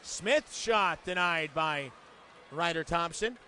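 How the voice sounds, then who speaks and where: A man's voice: a little high, slow, pushed and bright, a little hiss or hum. A man giving ice hockey play-by-play commentary on a game broadcast.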